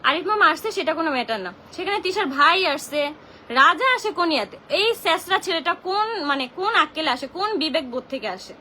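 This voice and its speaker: A young woman livestreaming on her phone rants in a very high, sharp, expressive voice, talking fast. She's heated and indignant, firing off rhetorical questions, and a slight hiss or hum sits under the audio.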